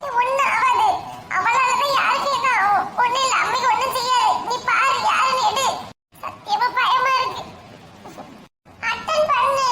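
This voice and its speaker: A woman's voice: very high-pitched, fairly even intonation, moderate pace, roomy sound, background noise, voice pushed up. A woman with a Kanyakumari Tamil accent playing a tearful young daughter who is frightened for her missing mother. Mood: scared. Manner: weepy and frightened.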